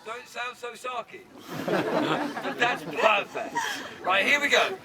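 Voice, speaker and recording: A man putting on a lively outdoor show, throwing his voice high and loud as he jokes with the crowd. He sounds well away from the camera, and crowd chatter and street noise fill in behind him. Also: slow pace, distant mic. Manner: theatrical, loud, joking crowd-work. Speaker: castle archery demonstrator. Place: outdoors at a castle among a crowd.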